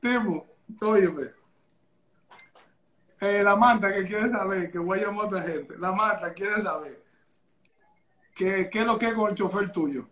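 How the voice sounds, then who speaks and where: A man's voice: sits high, unhurried, long pauses, a bit bright. A man hosting a casual live chat, cutting in often to question his guest. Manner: keeps interrupting to question the guest. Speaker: host.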